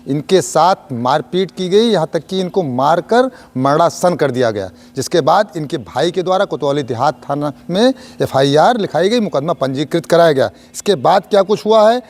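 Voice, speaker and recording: A man working as a local news reporter, asking brisk, probing questions in a field interview. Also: on the high side. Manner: brisk, probing, with steady murmured acknowledgments.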